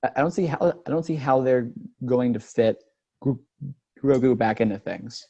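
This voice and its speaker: A man co-hosting a casual podcast, rambling with many restarts and quick laughs. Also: medium pitch, dark tone, slightly rough, muffled recording. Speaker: podcast co-host. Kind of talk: casual chat.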